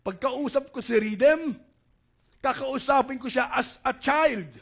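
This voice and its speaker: A man's voice: very high-pitched, takes it slowly, gravelly. A male pastor preaching a sermon, mixing Tagalog and English and often asking the congregation questions. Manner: switches between Tagalog and English, quizzing the congregation.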